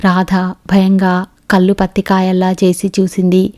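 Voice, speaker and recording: A woman narrating an audiobook novel in a steady, even storytelling manner. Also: on the low side, unhurried.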